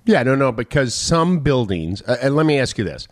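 A middle-aged man hosting a home-improvement call-in radio show, talking in a relaxed, folksy way. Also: mid-range voice, moderate pace, dry recording. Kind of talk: casual call-in radio talk.

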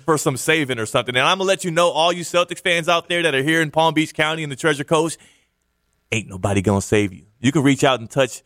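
A man's voice: on the high side, fast talker, a bit bright. A man co-hosting a sports talk radio show, talking emphatically with playful trash talk in a radio studio.

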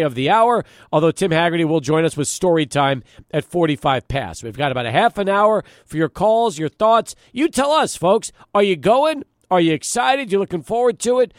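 The high-voiced, middle-aged host of a sports talk radio show keeps things conversational yet emphatic, punctuating his points as he chats with and prompts callers. He broadcasts from a radio studio, and the recording is dry and clean.

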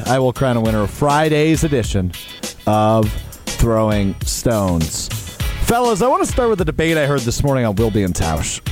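A man's voice: medium pitch, a little mellow. A man hosting a radio segment in an upbeat, announcer-like way.

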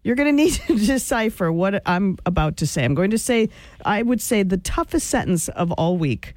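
A woman's voice: mid-range voice, big pitch swings, moderate pace, darkish tone, no echo. A woman co-hosting a morning radio show, chatty and giggly in casual banter.

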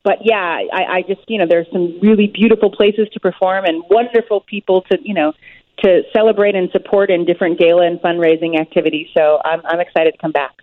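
A woman's voice: fairly low pitch, steady tone, fairly quick. A woman guest performer chatting in an interview over the phone, enthusiastic and friendly, laughing easily. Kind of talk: casual interview chat. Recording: tinny phone line.

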